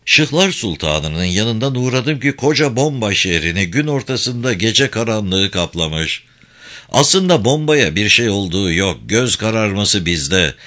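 Male storyteller, low-pitched, forceful, vivid first-person folk tale narration. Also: sing-song, measured pace.

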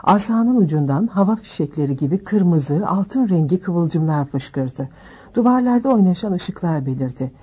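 A woman narrating a storybook aloud in a steady, measured reading voice. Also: on the low side, husky. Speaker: audiobook narrator.

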